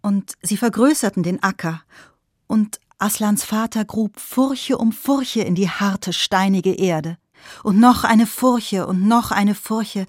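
A woman storyteller telling a folktale aloud, expressive and speaking to her listeners directly. Her voice sits in a middle range for a woman. The sound is dry and close, with no room around it. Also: medium pitch, slow pace, no room sound.

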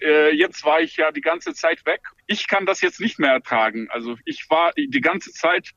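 A man's voice: high-pitched, vocal fry, bright, forceful tone, no room sound, dull audio. A man running a farm, speaking German in an interview with many hesitations and restarts. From Ukraine.

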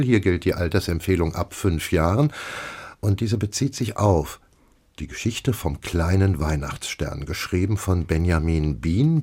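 Radio host guy, deep and a bit husky, announcing a book tip. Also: a little mellow. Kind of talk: radio presentation.

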